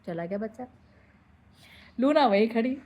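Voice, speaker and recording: A woman speaker telling a life-lesson story in an expressive way, mixing Hindi and English, with slow, deliberate emphasis on key lines. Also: on the high side. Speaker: motivational speaker. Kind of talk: motivational storytelling.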